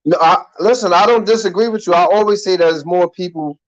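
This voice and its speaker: A Harlem man in his thirties hosts a talk-radio conversation in a voice that runs notably high for a man. His delivery is casual, loose, and fairly quick, full of street slang, and he often restarts sentences before finishing them. The highs in the recording are cut off.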